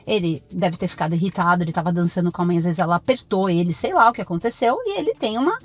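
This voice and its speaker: A Brazilian woman, a pediatrician, talking as a podcast guest in firm, animated stories full of acted-out dialogue. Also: fairly low pitch, fast talker. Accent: Brazilian Portuguese. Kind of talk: podcast interview conversation.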